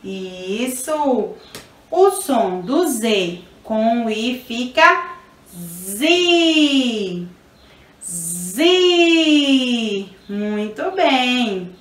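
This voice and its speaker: A woman's voice: a little high, animated. A Brazilian woman teaching a remote phonics lesson to young children, stretching out each syllable and praising them fondly. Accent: Brazilian Portuguese. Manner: slow, drawn-out syllables with affectionate praise. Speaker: preschool teacher. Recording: echoey room from far off.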